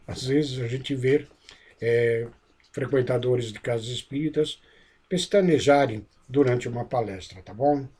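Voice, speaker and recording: A man's voice: mid-range voice, a little mellow, husky. A man giving a lecture-style lesson on public speaking, explaining step by step and often checking in with his listeners. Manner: didactic, checks in with frequent "né?" and "ok?". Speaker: instructor of a speaker training course.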